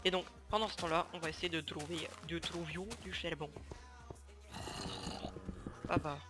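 Young man, northern French accent, casual let's-play commentary, slightly high voice, loud game music under him. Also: moderate pace. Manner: chatty, self-mocking, with bursts of excitement and muttered asides. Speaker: gamer commentating his play. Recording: home mic with loud game music behind.

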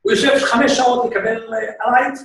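A man teaching a lively, joking Torah class as a rabbi, often shouting out exclamations. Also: extremely high pitch. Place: synagogue hall. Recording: echoey room, speaker far from mic.

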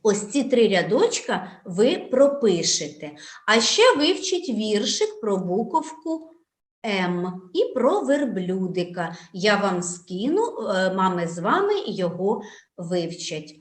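A woman teaching young children to read, sounding out syllables patiently and slowly in a sing-song way. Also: medium pitch, very animated, roomy sound. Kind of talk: online preschool reading lesson.

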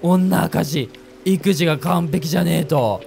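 A man's voice: a little high, unhurried, gravelly, a little mellow. A young man voicing a condescending, swaggering working-man customer, with game music behind.

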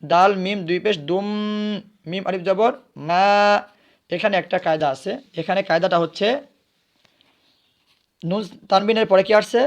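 A man teaches recitation. He spells words out letter by letter, asks questions and answers them himself, then chants the words slowly. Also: high voice, fairly even intonation, highs cut off.

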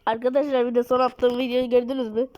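Excitable woman narrating mobile gameplay. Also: on the high side, fast talker, dull audio. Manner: excitable, urges and scolds the game, drops to mutters. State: slightly ill voice. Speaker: mobile game streamer. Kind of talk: live gameplay commentary. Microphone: phone mic via screen recorder.

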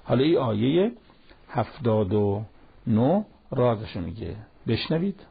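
A man's voice: medium pitch, very animated. A man teaching a Quran lesson, retelling the story in plain colloquial speech and acting out the dialogue. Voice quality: gravelly and raspy. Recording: lo-fi television broadcast audio.

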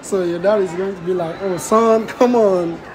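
A man's voice: high voice, fairly even intonation, normal speed, crowd noise. A man asking strangers cheeky questions on a city street, laughing and teasing as he goes. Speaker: street interviewer. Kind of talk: casual street interview.

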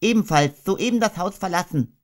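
A man doing a squeaky fussy storybook rabbit. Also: animated, moderate pace. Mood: prim, fussy. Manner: prim, clipped and curt. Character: high-strung fussy male rabbit, cautious and polite. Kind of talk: audiobook character voice.

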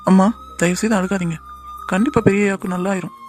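A man's voice: high voice, steady tone, fast talker, darkish tone, soft background music, close to an everyday voice. A man voicing a young man in a cartoon drama who earnestly pleads with and comforts the family. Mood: comforting.

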